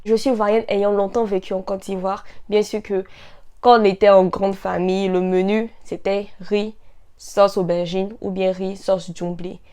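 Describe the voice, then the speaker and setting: A woman's voice: mid-range voice, flat delivery, moderate pace, darkish tone. Young woman, Ivorian French accent, playful teasing vlogger, casual chat to camera. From Ivory Coast. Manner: playful, teasing, laughs between lines. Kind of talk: casual vlog monologue.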